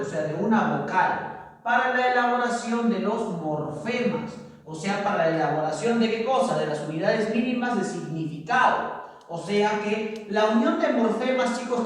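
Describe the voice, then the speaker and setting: Male teacher, high voice, slow lecture pace, keeps asking "right?"; recorded from afar in a roomy, reverberant space. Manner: checks in with frequent tag questions. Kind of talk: classroom lecture. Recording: echoey room, far from mic.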